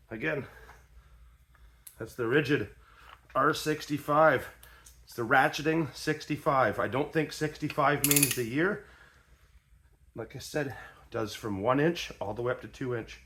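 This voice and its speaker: A man's voice: mid-range voice, fairly bright tone. A man in his workshop, casually demonstrating an old tool in a folksy, plain-spoken way, with ratchet clicks behind him. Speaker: tradesman demonstrating an antique tool.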